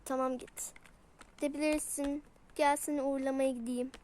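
A woman's voice: high voice, little pitch movement, normal speed, darkish tone. A woman doing a toy role-play, voicing several pet characters and switching between playful character voices. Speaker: toy video creator.

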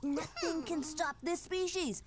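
An actor voicing an excitable young cartoon child who breaks in like a pompous TV announcer with mock documentary narration. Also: very high-pitched, a little slow, loud music behind the voice. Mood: pompous, excited.

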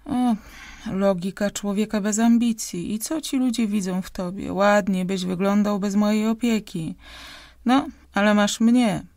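Lady doing a bossy nagging wife in an audiobook, higher and louder, gravelly edge, dry close sound. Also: steady tone, measured pace, dry recording, lightly acted. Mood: scolding. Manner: scolding, interrogating, raised and insistent. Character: grasping sharp-tongued middle-aged wife, domineering. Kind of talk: audiobook character reading.

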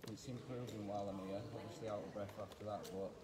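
A man's voice: on the low side, steady tone, fast. A man in his twenties, a student answering interview questions in a laid-back, hesitant way and often repeating his words. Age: 20s. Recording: noisy crowd behind.

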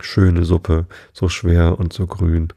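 A man voicing a melancholy male mock turtle who sings a slow, mournful song about soup. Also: deep voice, completely flat delivery, warm tone, dry recording.

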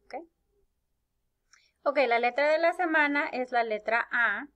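Slow, bright-voiced preschool teacher. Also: female voice, high-pitched, dull audio. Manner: drawn-out words, syllables clapped and repeated; asks "ok?" after each step. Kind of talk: slow, patient lesson for young children.

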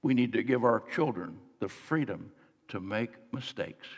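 A middle-aged man preaching a sermon as pastor, earnest, swinging between soft and emphatic delivery. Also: fairly low pitch, animated, unhurried, husky. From United States. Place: large church sanctuary, on stage. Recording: long church hall reverb.

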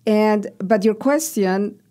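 A woman's voice: medium pitch, slow, dark tone. A woman from Peru hosting a podcast, asking her guests questions in a thoughtful, reflective way with frequent restarts. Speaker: podcast host. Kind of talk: interviewing guests.

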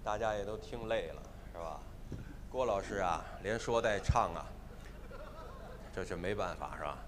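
A man's voice: deep voice, normal speed. A man performing crosstalk on a theater stage, chatting directly to the audience. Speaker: crosstalk performer opening the next act. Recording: live theater hall with reverb, faint hum.

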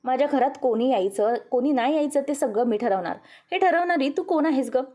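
A woman's voice: high voice, animated, fairly quick, warm tone. A woman voicing an angry grandmother who scolds her daughter-in-law in a stern, accusing tone. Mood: angry scolding.

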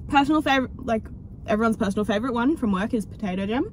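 A woman's voice: fairly high pitch, rapid-fire, darkish tone, slight background noise. A young woman with an Australian accent chatting casually with a friend, rambling, restarting sentences and swearing freely. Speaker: YouTuber host. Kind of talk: casual chat. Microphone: headset.

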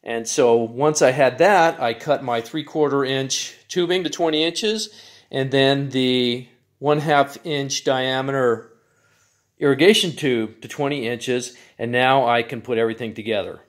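A man hosting a DIY channel, calmly walking through a step-by-step build tutorial with measurements, in a plain, methodical way. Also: medium pitch, measured pace.

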